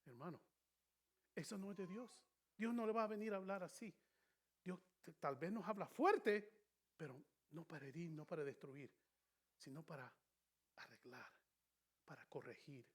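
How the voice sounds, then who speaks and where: A man leading a church Bible study in a preaching style, emphatic, swinging between loud stressed words and quiet asides, and now and then dropping short English phrases into his talk. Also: fairly high pitch, lively intonation, normal speed, pauses often, husky.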